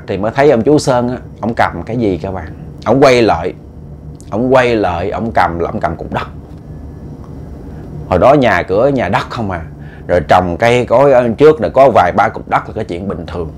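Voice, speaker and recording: A man's voice: fairly low pitch, a little hiss or hum. A man with a Southern Vietnamese accent telling a ghost story in a loose, conversational way, often repeating words as he goes. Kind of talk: late-night ghost story narration.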